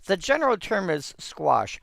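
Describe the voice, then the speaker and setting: A man's voice: high-pitched, wildly swooping pitch, unhurried, gravelly, fairly bright tone, no echo, studio quality. A man hosting a casual solo commentary on old game cards, thinking aloud and rambling with frequent restarts.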